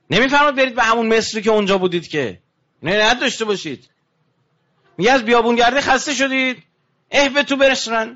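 Guy preaching a religious lecture, highish voice, muffled lo-fi sound. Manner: animated, rising emphasis, then low and hushed. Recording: dull lo-fi recording.

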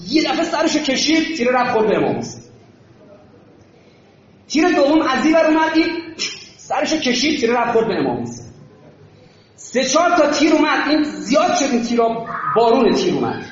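Fiery high-voiced preacher in echoing hall. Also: male voice, a little hiss or hum. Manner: builds to shouted refrains. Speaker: religious political speaker. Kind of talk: impassioned sermon with storytelling. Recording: very echoey, muffled hall recording.

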